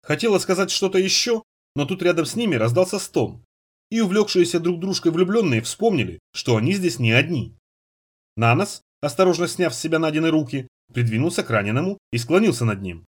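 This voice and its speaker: A man narrating an audiobook in an expressive storytelling manner. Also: on the high side, a little fast, breathy edge. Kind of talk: scripted narration.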